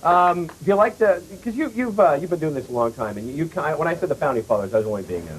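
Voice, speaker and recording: A man's voice: fairly high pitch, expressive, quick pace, rough recording. A man hosting a loose comedy talk show, rambling and stumbling over his questions in a self-mocking way, heard from a worn VHS tape copy. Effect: worn VHS tape copy with faint hiss. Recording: faint tape hiss from an old VHS copy.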